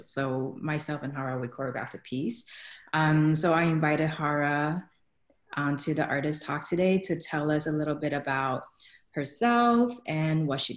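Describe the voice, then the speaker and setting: Woman host on a laptop call, really low voice, echoey little room, easygoing. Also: measured pace. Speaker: dance company director, host. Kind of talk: casual interview on a video call. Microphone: laptop webcam on a video call.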